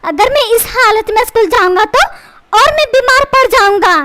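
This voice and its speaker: A woman's voice: extremely high pitch, animated, normal speed, heavy background noise. A woman voicing a cheeky, scheming young boy who fakes being sick to skip school, talking in a whiny, pleading way.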